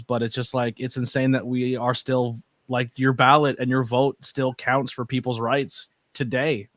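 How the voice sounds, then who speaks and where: A man's voice: medium pitch, fairly bright tone, no room sound. A man from northeastern Pennsylvania hosting a podcast, chatting enthusiastically and stammering on repeated words. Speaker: podcast host. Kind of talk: casual interview conversation.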